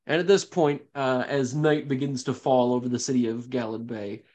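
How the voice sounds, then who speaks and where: A man's voice: medium pitch, steady tone, moderate pace, darkish tone. A young man narrating a tabletop game as game master, with rambling, descriptive storytelling. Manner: descriptive, meandering narration with fillers.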